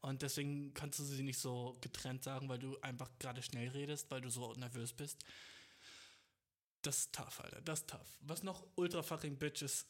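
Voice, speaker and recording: A man's voice: medium pitch, steady tone, normal speed. A young man hosting a podcast, telling a rambling comic monologue full of slang and English swear words, laughing at his own jokes. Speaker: podcast host. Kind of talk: casual comedic podcast monologue.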